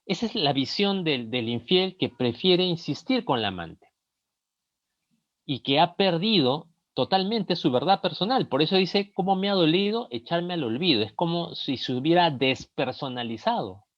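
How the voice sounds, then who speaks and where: A man's voice: a little high, lively intonation, normal speed, no room sound, dull audio. A man with a Peruvian Spanish accent giving a recorded lesson, explaining each point and reading song lyrics aloud to make it. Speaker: lecturer.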